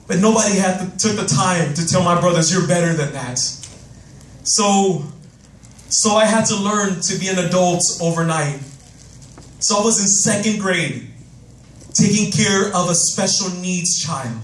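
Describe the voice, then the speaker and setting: A man giving an emotional, animated motivational talk to young people, telling his life story into a handheld microphone and often repeating himself when stirred up. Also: high-pitched, unhurried. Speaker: motivational speaker. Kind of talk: personal storytelling speech to youth. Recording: roomy, distant microphone sound.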